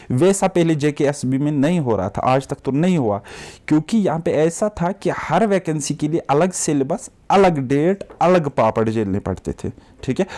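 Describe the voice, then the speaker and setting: A man's voice: fairly high pitch, darkish tone. A man teaching exam preparation, talking straight to his students in a casual, encouraging way, mixing English words into Hindi and checking in often with "okay". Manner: straightforward, repeats "ठीक है" and "okay" as check-ins. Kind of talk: casual direct-to-camera exam update.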